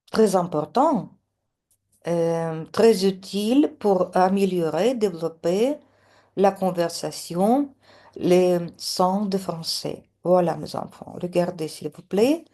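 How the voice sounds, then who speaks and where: Middle-aged woman, French teacher, slow and mellow, expressive line-by-line reading. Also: on the low side. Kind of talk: reading a poem aloud line by line with translation.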